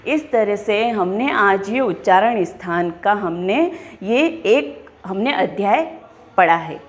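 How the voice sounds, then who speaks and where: A woman teacher with a Hindi accent, talking in an unhurried, measured way and pronouncing every sound with care. She keeps putting questions to her class and answering them herself, in a voice of middling pitch. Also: lively intonation. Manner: slow, deliberate, enunciating each sound and posing questions to pupils. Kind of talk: classroom lesson.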